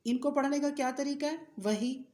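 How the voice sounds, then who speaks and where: A woman's voice: high voice, moderate pace, darkish tone, reverberant. A woman teaching tajweed with a Pakistani Urdu accent, explaining patiently and drawing out example words. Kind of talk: recorded recitation lesson.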